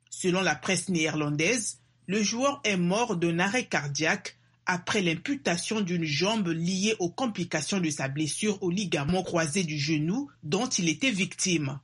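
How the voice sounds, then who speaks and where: A woman presenting the sports segment of a radio news bulletin in a steady, measured delivery. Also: on the low side, slightly rough.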